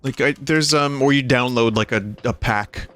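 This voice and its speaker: A man's voice: mid-range voice, normal speed, fairly bright tone. A man streaming a game, chatting casually in a wry, rambling way. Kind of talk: casual chat while gaming. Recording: game gunfire behind the voice.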